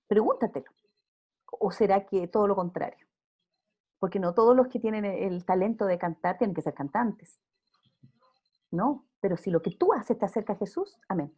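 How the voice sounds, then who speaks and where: A woman's voice: medium pitch, darkish tone. A woman speaking earnestly in a casual faith interview, preaching with emphatic repeated phrases.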